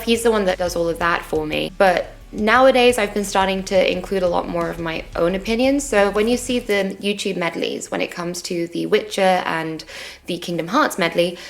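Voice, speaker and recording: A woman's voice: medium pitch, vocal fry. A young woman, a singer and vlogger, chatting playfully in a casual Q&A vlog. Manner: bubbly and playful, makes silly sound effects.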